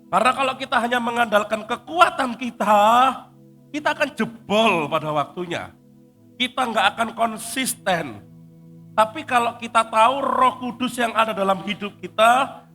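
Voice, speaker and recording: A man's voice: high voice, pushed and bright. A man preaching a sermon in a church, talking conversationally to the congregation and acting out the people he describes. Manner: acts out quoted speakers in his voice. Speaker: pastor.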